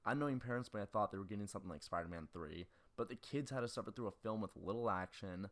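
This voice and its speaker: In his early twenties, a young man with a very low voice reads scripted video essay narration quickly. Like a film critic, he moves briskly from one point to the next.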